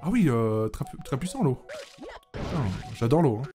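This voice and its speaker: A man's voice: medium pitch, moderate pace. A man giving casual, joking gameplay commentary as a let's play host, swearing freely. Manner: animated, jokey, swears freely. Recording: loud game music behind.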